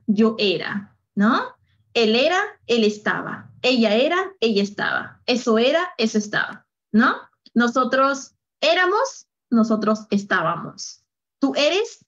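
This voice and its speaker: A woman teaching English over a video call, cheerful and encouraging. She speaks slowly and carefully, her voice sitting a little high. The sound is dull and lo-fi, like online class audio. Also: fairly bright tone. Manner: upbeat, praising, mixes Spanish and English, laughs often. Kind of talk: live online English lesson.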